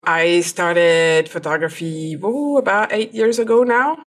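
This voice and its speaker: A woman's voice: fairly low pitch, steady tone, measured pace. A woman from France, a photographer and podcast guest, who talks in a chatty way and laughs often. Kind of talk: podcast interview.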